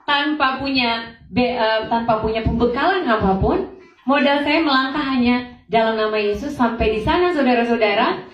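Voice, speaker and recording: A young woman giving a church testimony, telling her story in a lively way and acting out the dialogue for the congregation. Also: fairly high pitch, moderate pace. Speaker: testimony speaker. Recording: echoey hall, far from mic, dull.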